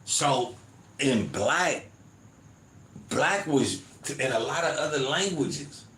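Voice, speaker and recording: Taking it slowly, a man with an expressive, mid-range, fairly bright voice hosts his own podcast from the United States. He loosely talks with listeners, reads chat comments, and keeps saying "you feel me" and "man." The roomy home recording has faint ambience and slight background noise.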